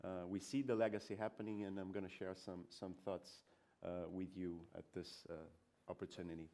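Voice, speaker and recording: A man from Brazil with a cold and a stuffy nose, giving a conference presentation in a hesitant, polite and measured way. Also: deep voice, level tone, warm tone. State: has a cold. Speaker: communications director giving a presentation. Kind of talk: prepared conference talk, spoken off the cuff.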